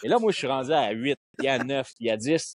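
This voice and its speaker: A man with a Québécois accent tells a story in casual podcast chat. His voice is husky and a little rough. He slips into quoted voices as he goes, and his pitch sits in the middle. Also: brisk. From Quebec. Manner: lively anecdote teller, slips into quoted voices. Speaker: podcast guest.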